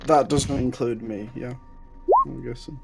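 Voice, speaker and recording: A man's voice: medium pitch, steady tone, unhurried, vocal fry, over loud music. A man talking casually with friends as a player in a tabletop role-playing game.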